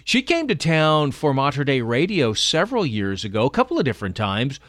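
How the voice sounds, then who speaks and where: A man's voice: medium pitch, very animated, brisk, fairly bright tone, no echo, clean studio sound. Easygoing man co-hosting radio. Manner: easygoing, agreeable, short affirmations. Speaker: radio show co-host. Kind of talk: casual radio chat.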